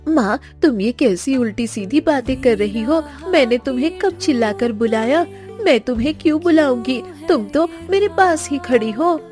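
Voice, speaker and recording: A woman's voice: sits high, lively intonation, moderate pace, over music. A woman voicing a playful, teasing younger sister in a cartoon story, with a cheeky way of talking.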